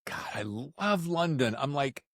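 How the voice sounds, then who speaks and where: An American podcast host with a mid-range, expressive voice talks a little slowly and sounds slightly bright. He's effusive and jokey, moving from a scripted intro into casual interview chat. The recording is dry and clean, with studio quality.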